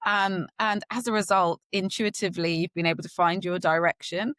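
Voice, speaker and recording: A woman's voice: fairly low pitch, fairly even intonation, brisk, no echo. A woman hosting a podcast interview, rambling a little with many fillers. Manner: warm, rambling, frequent fillers. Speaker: podcast host.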